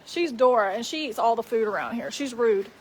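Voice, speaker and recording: A woman's voice: fairly high pitch, animated, a little fast, a little hiss or hum. A woman chatting casually on a farm livestream and talking to her animals in a sing-song voice. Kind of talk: casual livestream chat while doing chores. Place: outdoors on a farm and in a barn.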